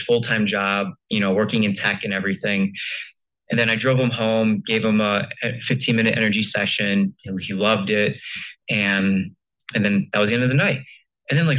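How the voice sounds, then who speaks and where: A man's voice: on the low side, bright, forceful tone, poor audio. A young man speaking as a guest in a church, telling personal stories in a chatty way, with constant "like" and acted-out quotes. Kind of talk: casual storytelling talk.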